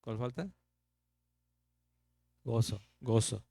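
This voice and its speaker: A man's voice: medium pitch, drawn-out words, gravelly, dark tone, dry recording, studio quality. A man with a Mexican Spanish accent teaching the Bible verse by verse as a pastor, in a conversational preaching manner with rhetorical questions.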